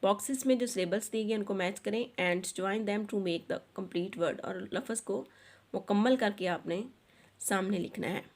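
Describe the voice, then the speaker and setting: A woman teaching an online textbook lesson, reading the English lines slowly and then explaining them quickly in Urdu. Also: medium pitch, darkish tone. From Pakistan.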